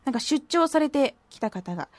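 Playful high-voiced woman radio host. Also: expressive, a little fast, a little mellow, dry recording. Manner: playful, self-mocking, puts on silly voices. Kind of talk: casual radio chat reading listener posts.

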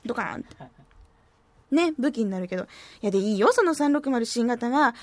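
A woman's voice: a little high, expressive, fast, no room sound. A woman hosting a radio show, chatting casually and reading listener posts in a playful, self-mocking way with a slight lilt. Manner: playful, self-mocking, puts on silly voices.

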